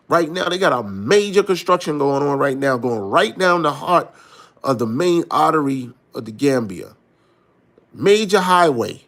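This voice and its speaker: A man tells a story in a loose, conversational way, often checking in with his listener. His voice sits a bit high and swings widely as he gets animated. He acts out the back-and-forth of past conversations as he goes. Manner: animated, acts out quoted conversations, frequent "you know what I'm saying". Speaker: vlogger. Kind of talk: casual storytelling monologue.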